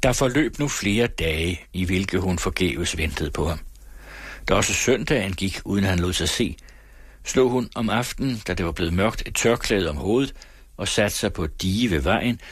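A man reading a novel aloud in a measured storytelling manner. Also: low-pitched, breathy edge, no room sound, studio quality. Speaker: narrator.

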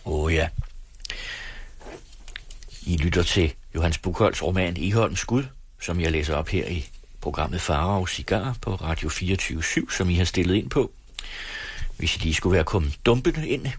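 A man reading a novel aloud on radio with a measured, dramatic delivery. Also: deep voice, breathy edge. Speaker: radio reader.

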